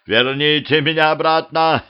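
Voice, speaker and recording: Man playing a despairing, shouting man back from death. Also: medium pitch, animated, normal speed, clean tone, close to an everyday voice. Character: distraught male revenant, despairing. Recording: dull lo-fi home recording.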